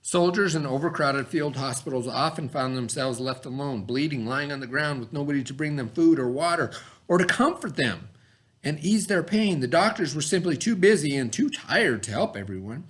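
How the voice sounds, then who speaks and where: At a normal speed and a slightly high pitch, a man takes on a teacher's role while reading aloud. He's expressive and instructive, posing questions and giving pupils easy explanations.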